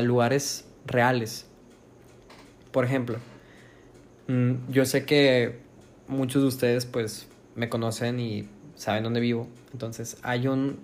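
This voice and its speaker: A young man with a Mexican Spanish accent talks into his podcast mic. His voice sits at an ordinary middle pitch, and he tells a personal story loosely, with lots of slang, fillers and false starts. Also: darkish tone. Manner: rambling, slangy, many restarts and fillers. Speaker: podcast host.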